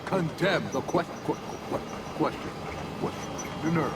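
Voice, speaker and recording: A controlling male AI program from a video game, stammering and repeating chopped syllables as he glitches. The voice sits fairly high and leaps around in pitch. It sounds far from the mic, buried in loud background noise. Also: lively intonation, a little slow. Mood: glitching. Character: glitching male AI priority set, greedy, controlling. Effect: glitching, stuttering machine voice.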